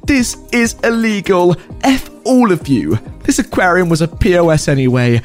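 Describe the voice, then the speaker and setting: A man voicing a shrill, entitled middle-aged woman who yells accusations, with a screechy voice. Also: wildly swooping pitch, normal speed, soft background music. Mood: screaming. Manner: yelling, accusing.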